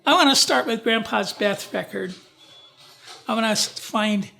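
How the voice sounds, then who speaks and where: His voice is high, creaky, bright and forceful as he gives a casual genealogy presentation with slides in a library event room. He often breaks off to restart sentences and addresses questions and asides to the audience.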